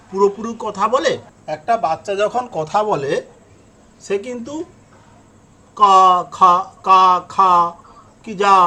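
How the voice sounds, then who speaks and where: A man's voice: high voice, fairly bright tone, poor audio. A man teaching an English grammar lesson in a classroom style. He asks questions and answers them himself, and he repeats his examples patiently.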